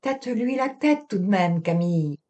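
Woman doing a soft doting young husband in a read-aloud novel, fond and coaxing. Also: medium pitch, lively intonation, moderate pace, lightly acted. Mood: tender. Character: young man, gentle, doting cat owner.

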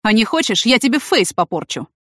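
A woman's voice: fairly high pitch, sing-song, a little fast, a bit bright, no echo, studio quality, full character voice. Woman voicing a crude male thug, jeering, menacing, raised voice. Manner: rough, jeering threats.

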